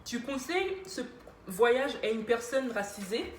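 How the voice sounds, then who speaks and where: A woman's voice: on the high side, animated, measured pace, slight background noise. Chatty young woman in an echoey room. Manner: chatty, playful, self-mocking. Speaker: YouTuber. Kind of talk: casual Q&A vlog. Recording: echoey room with faint ambience.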